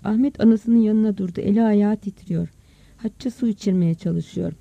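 Gravelly audiobook narrator, steady read, dull dry sound. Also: medium pitch, moderate pace, no echo. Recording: dull, dry close recording.

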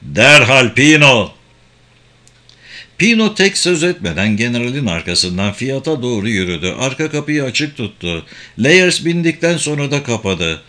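Male audiobook narrator, bright tone. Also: mid-range voice, very animated, normal speed.

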